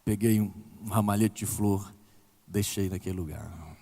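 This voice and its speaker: A man's voice: moderate pace, dark tone, big-room sound. A man in his forties with a Brazilian accent, preaching a sermon as a pastor and telling stories with big swings in his voice. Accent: Brazilian Portuguese. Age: 40s. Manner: emotional storytelling with big pitch swings. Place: church hall.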